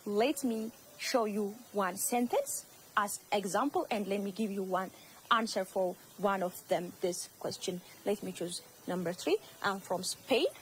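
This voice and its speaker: A woman teacher with an Ethiopian accent, whose first language is Amharic, gives a slow, repetitive English lesson to young students. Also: mid-range voice, a little hiss or hum, poor audio. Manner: slow, repeats words, addresses students.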